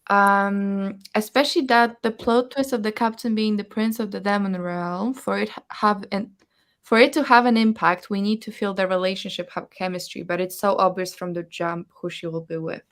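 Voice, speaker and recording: On a livestreamed book chat, the female host talks at a moderate pace with a medium-pitched, steady voice. She keeps things casual over the online call, reading viewer comments aloud and frequently acting out how people might react.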